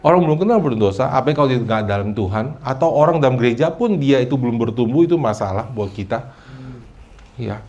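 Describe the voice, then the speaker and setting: A male pastor preaching a sermon, lively and conversational, slipping into English phrases and acting out people's excuses in a higher voice. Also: a little fast, dull audio.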